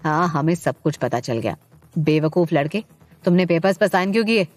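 A woman doing a gruff teasing uncle. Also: deep voice, animated, moderate pace, a little mellow, no echo, voice pushed down. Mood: scolding. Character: joking, playful uncle, middle-aged man.

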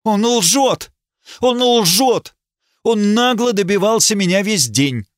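Guy reading a shrill scared noble lady in a storybook, high pitched, close dry sound. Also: drawn-out words, no room sound, exaggerated voice. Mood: indignant. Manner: high shrill pleading cries. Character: young noble lady, frightened and indignant.

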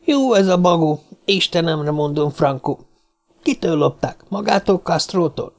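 A man reading aloud puts on a small, cheeky circus man with a raised, gravelly voice. He chatters freely and stammers when frightened. A storybook figure, sly but nervous. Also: a little high, lively intonation, pitched above the performer's own voice.

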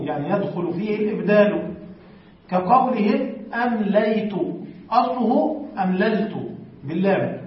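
A man teaching Arabic morphology to a class, reading from a text and putting questions to the students, then answering them himself. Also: high-pitched. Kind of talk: classroom lesson explaining a text. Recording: distant, muffled, very echoey room recording.

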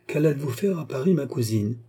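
A man voicing an anxious, agitated king who turns eager and loud in a read-aloud novel. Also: medium pitch, expressive, brisk, breathy edge, voice pushed up. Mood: urgent. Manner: eager, exclaiming, raising his voice.

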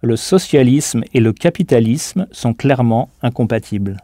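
Patient man teaching, mellow dry voice. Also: medium pitch, expressive, dry recording. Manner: patient, deliberate, spells words out letter by letter. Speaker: language teacher. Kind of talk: recorded audio language lesson.

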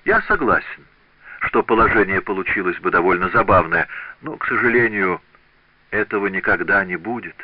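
A man's voice: low voice, a little fast, muffled recording, slight background noise, natural voice. A man voicing a frightened, desperate young male apprentice in an audiobook. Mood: defiant. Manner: stammering, desperate pleading.

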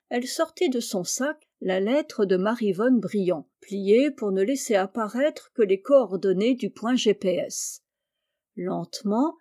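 A woman reading a crime short story aloud in a measured, steady narration. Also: medium pitch. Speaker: story reader.

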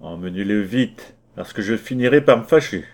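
A man's voice: on the low side, expressive, normal speed, lightly acted. A man voicing a stern, pompous village mayor in a storybook reading, giving curt, indignant orders.

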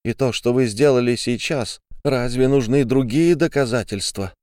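A man reading an audiobook, voicing a furious, bitter young woman who hurls accusations in a shrill voice. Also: normal speed, a little mellow, smooth, dry recording, clean studio sound, close to an everyday voice.

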